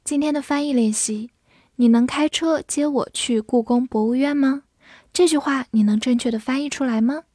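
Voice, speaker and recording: A woman teaching English vocabulary in a scripted lesson, spelling words letter by letter and reading example sentences slowly. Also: sits high, dark tone, no room sound.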